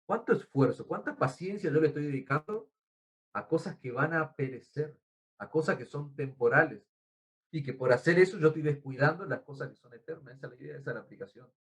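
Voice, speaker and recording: A man's voice: fairly high pitch, brisk. A man with an Argentine accent preaching a sermon as pastor, earnest and teacherly, often addressing the congregation as brother. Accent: Argentine Spanish. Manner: teacherly, explains words and spells them out.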